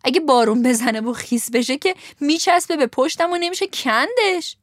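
A woman's voice: sits high, no echo, clean studio sound, voice pushed up, natural voice. A woman voicing a sensible young boy who answers in a wry, mocking way.

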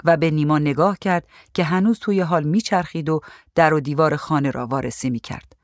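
A woman reading a story aloud in a calm, even voice. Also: low voice, no echo, clean studio sound. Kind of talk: storybook narration.

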